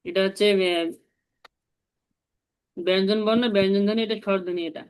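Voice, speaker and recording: A woman's voice: medium pitch, fairly even intonation, normal speed, darkish tone, clear, resonant tone. Lady tutor, patient, explains step by step, asks you to say it back. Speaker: language teacher. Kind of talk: one-on-one language lesson.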